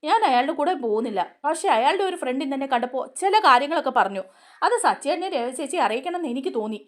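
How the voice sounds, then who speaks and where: A woman's voice: sits high, lively intonation, fast. A woman voicing an angry young man from a TV serial who heatedly accuses his relatives. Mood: insistent.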